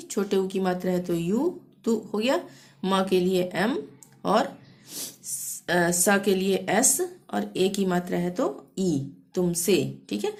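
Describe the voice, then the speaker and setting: A woman teaching a language lesson, spelling words letter by letter and repeating phrases slowly and patiently. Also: mid-range voice, darkish tone. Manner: repeats "theek hai" to check understanding. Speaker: Hindi teacher.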